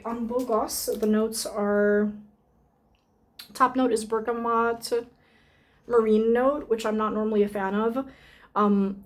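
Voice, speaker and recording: A woman burlesque performer chatting casually on her vlog, thinking aloud with lots of fillers and the odd swear word. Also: medium pitch. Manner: rambling, many fillers, swears freely, thinks aloud while sniffing samples. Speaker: burlesque performer reviewing perfume samples. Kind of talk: casual unscripted vlog chat.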